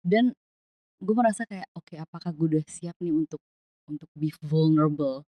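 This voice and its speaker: Young woman on a podcast, low-ish voice, thoughtful, mixes in english, dry close sound. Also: moderate pace, dry recording, muffled recording. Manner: reflective, mixing English phrases into Indonesian. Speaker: podcast guest, singer. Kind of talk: casual podcast conversation.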